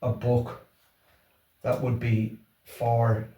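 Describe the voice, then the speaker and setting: A man's voice: mid-range voice, monotone, extremely slow, dark tone. A middle-aged or older man with a Wexford Irish accent, chatting casually in an interview, hesitating and repeating his words as he goes. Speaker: interview guest, Irish language class organiser. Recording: roomy echo, distant from the mic.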